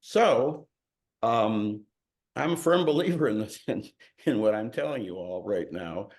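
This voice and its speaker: A man's voice: fairly low pitch, animated, a little slow. An older man from Chicago, a novelist giving an informal talk to an audience in a candid, self-deprecating and emphatic way. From Chicago, USA.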